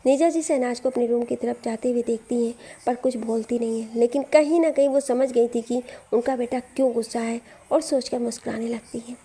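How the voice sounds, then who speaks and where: A woman telling a romantic story in steady, dramatic scripted narration. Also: a little high, fairly quick, hardly any pauses, breathy edge.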